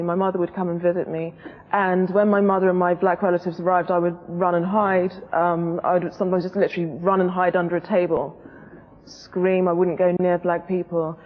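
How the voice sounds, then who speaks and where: A woman's voice: fairly low pitch, dull audio. Earnest woman in a roomy studio. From England. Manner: earnest, measured, with frequent ums. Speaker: guest. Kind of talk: studio debate.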